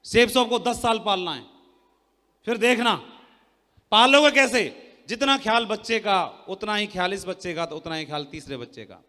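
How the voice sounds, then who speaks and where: Loud, bright-voiced man in an echoing hall. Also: high-pitched, animated, moderate pace. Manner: loud, teasing, quizzes the crowd. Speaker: seminar speaker. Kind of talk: motivational sales talk to a live audience. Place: large hall with an audience. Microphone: handheld mic.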